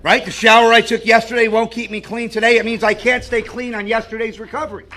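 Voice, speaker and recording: A man's voice: extremely high pitch, little pitch movement, quick pace, background noise. A man speaking at a recovery meeting, sharing his story in an earnest, conversational way. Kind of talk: personal recovery share with stories.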